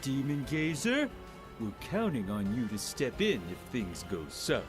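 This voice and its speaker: A man's voice: medium pitch, wildly swooping pitch, unhurried, music in the background. An actor playing a greedy, scheming male rebel officer with a wheedling, theatrical manner. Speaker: game character.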